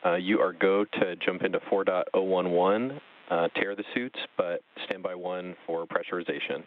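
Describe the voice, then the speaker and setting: A man on a mission control radio loop, giving clipped procedural calls over a crackly, narrowband communicator channel. His voice sits very low and comes through thin and distant, as if relayed from far away. Every word sounds compressed and phone-like. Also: steady tone, moderate pace. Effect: crackly narrowband space radio loop. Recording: tinny radio comm line from far off.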